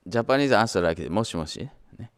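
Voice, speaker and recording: A man's voice: on the low side, lively intonation, racing, clean tone. An older man from Japan, a Japanese native, giving an anecdotal sermon as minister, switching between Japanese and English. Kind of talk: sermon storytelling.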